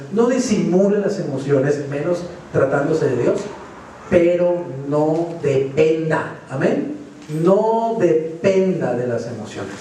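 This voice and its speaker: Brief: high-pitched, mellow-voiced Colombian male pastor, sermon heard from afar in a big reverberant church. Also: slight background noise. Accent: Colombian Spanish. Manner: preaching with rhetorical questions to the congregation. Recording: echoey church hall from far off.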